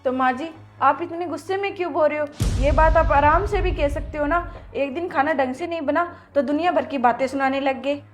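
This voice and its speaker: A woman's voice: high-pitched, brisk, natural voice. A woman acting as a young daughter-in-law in a home-made family drama, talking back firmly. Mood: defiant. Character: young daughter-in-law, patient then firm. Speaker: actor in a family skit. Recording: faint background music.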